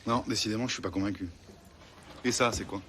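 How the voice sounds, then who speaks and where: A man's voice: lowish voice, steady tone, quick pace, fairly bright tone, a little hiss or hum, close to an everyday voice. A man playing a pushy fabric customer. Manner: insistent, haughty. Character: demanding, stubborn male fabric customer.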